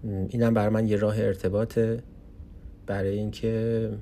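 A young man recording a personal podcast alone in a small office, talking unscripted, tired and hesitant with many pauses. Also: lowish voice, level tone, mellow, slight background noise. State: tired from lack of sleep. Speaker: podcast host.

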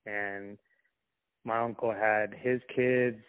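Young guy from somalia, kinda low voice, stops and restarts a lot, sounds like a phone line. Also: little pitch movement, clean tone. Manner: halting, reflective, many restarts. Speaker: interview guest. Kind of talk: casual conversation. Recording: tinny phone-like call line.

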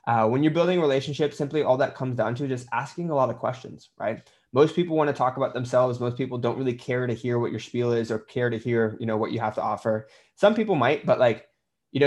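A man coaching personal trainers on their business in a blunt, conversational way, with the odd swear word. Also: medium pitch. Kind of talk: casual instructional talk.

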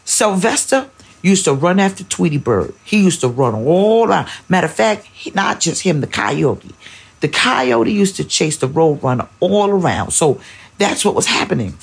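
A woman in her forties hosts a casual podcast with a very raspy, gravelly voice. Her pitch swings up and down a lot as she acts out family scenes with exclamations. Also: sing-song, normal speed. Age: 40s. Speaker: podcast host and pastor.

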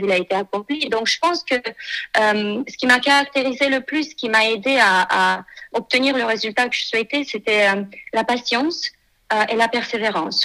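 Woman, 30s, bright tone, measured and thoughtful, phone guest. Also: medium pitch, poor audio. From Moldova. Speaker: guest, former dance champion and coach. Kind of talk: interview answers.

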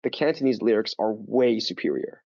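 Guesting on a podcast, a man who teaches languages chats casually and tells animated stories, often using fillers and restarting quickly. He has a lowish, creaky voice. His recording sounds close, dull and muffled, completely dry with no room sound.

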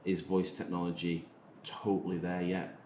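A man with a Manchester accent talking casually as a podcast host, often halting and rephrasing. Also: deep voice, little pitch movement, a little mellow. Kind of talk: casual discussion of digital marketing. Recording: roomy echo, faint noise.

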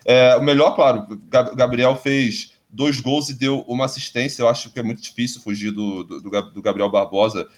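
A man's voice: mid-range voice, steady tone, moderate pace, few pauses. A Brazilian man hosting a casual sports podcast, rambling and swearing freely with lots of restarts. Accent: Brazilian Portuguese. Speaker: podcast host.

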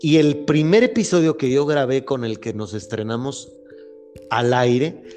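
A man hosts a faith podcast in an earnest, rambling way, circling back and restarting his sentences. His voice sits at an ordinary middle pitch. Soft music plays faintly behind him. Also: a little slow. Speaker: podcast host. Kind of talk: casual faith-based podcast conversation.

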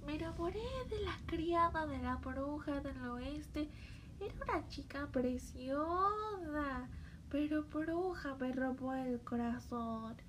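A woman's voice: sits high, slow pace, slight background noise. A woman playing a rusty, stiff male tin man who cannot move, in a children's stage play. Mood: wistful.

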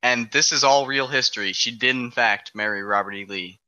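Bright-voiced man explaining a timeline. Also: mid-range voice, normal speed, no echo, poor audio. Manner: walks through dates step by step, frequent ums. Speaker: presenter of an alternate history timeline. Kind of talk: casual explanatory podcast talk.

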